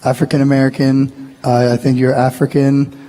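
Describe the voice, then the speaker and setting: A man's voice: mid-range voice, completely flat delivery, normal speed, warm tone. A young man, a student in a lecture hall, hesitantly guessing with a handheld mic. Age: young adult.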